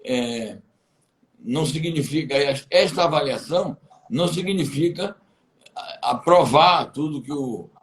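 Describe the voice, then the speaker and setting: A man, speaking as an interview guest in a measured, deliberate way with hesitant restarts. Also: on the high side, a little hiss or hum, rough recording. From Bahia, Brazil. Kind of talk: political commentary interview.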